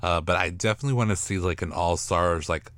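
A sassy man hosts a solo podcast recap, throwing catty asides and filling his talk with "like" and "girl". His voice sits low and deep, smooth and clear, recorded dry and close. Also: fairly bright tone, dry recording. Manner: catty, sassy, quick-talking with lots of "like" and "girl". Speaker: podcast host recapping a show.

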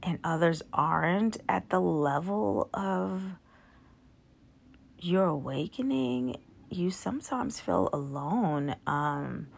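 A woman hosts her podcast from bed in a groggy morning voice, low and slow, often trailing into near-whispers. Her tone is husky and gravelly. She speaks haltingly, with many fillers and restarts. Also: animated. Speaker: podcast host. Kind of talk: casual solo podcast talk. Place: bedroom, in bed. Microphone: phone app.

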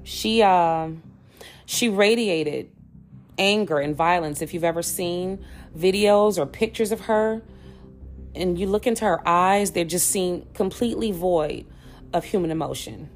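Soft music plays as this Detroit-born American podcast host tells true crime stories in a fairly low, slightly slow voice. Her narration is grave, punctuated by frank personal remarks.

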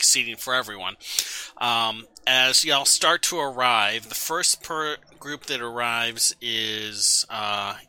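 A man's voice: medium pitch, pushed and bright, smooth, dry recording. A man narrating a tabletop game as game master, rambling through descriptions with many fillers.

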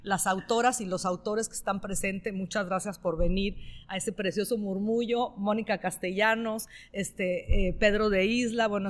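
A woman from northern Italy with an Italian accent, an author chatting lively and at length as guest in a live podcast interview. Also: medium pitch. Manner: lively, talkative, laughs often. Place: store event space with live audience.

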